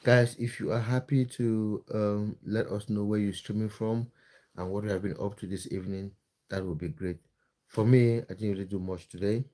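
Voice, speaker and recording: Hosting a relaxed live stream, this Cameroonian football content creator chats through viewers' comments, often restarting and using fillers. He speaks at a moderate pace in a lowish, steady, dark-toned voice.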